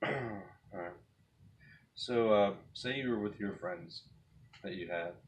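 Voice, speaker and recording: A man leading a paranormal session, speaking casually and haltingly as he puts questions to a spirit. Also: on the low side, slight background noise.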